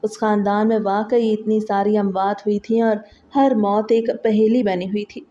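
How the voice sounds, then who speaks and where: A woman's voice: mid-range voice, level tone, mellow, dull audio. A woman narrating a dramatic first-person story in an earnest, emotional way.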